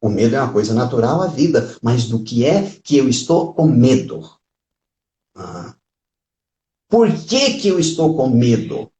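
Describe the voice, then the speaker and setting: A man's voice: medium pitch, sing-song, a little slow, mellow. A man, a pastor and couples therapist, chatting casually and telling stories that he acts out with laughs. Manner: storytelling, laughs often, acts out quotes. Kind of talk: casual chat on a live stream. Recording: roomy echo.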